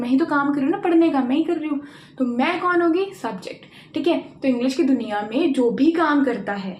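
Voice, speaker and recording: Casting: female teacher, high voice, drills students with repeated call-and-response questions, echoey room. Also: darkish tone, highs cut off. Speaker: English teacher. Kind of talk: classroom-style spoken lesson. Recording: echoey room with faint noise.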